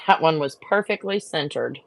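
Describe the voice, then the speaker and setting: A woman's voice: low voice, animated, moderate pace, vocal fry, dry recording. A woman chatting casually to viewers while she works on a craft project, getting frustrated and talking to herself. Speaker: craft vlogger. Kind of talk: casual chat while working.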